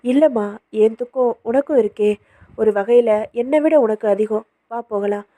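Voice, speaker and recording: A woman voicing a grieving older father who speaks gently but can turn commanding, in a storybook reading. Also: sits high, a little slow, no room sound, studio quality. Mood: gentle.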